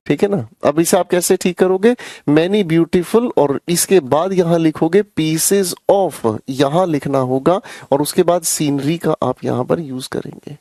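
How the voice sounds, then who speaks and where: A man's voice: on the high side, dark tone, no echo, studio quality. Chatty, teasing man teaching grammar. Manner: chatty, teasing, addresses students as beta and bhai. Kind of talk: live online class.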